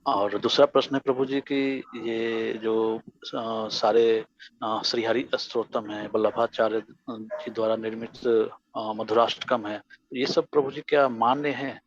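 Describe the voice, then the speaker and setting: A man asking questions in a spiritual class, hesitant with many pauses. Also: lowish voice, fairly even intonation, lo-fi sound.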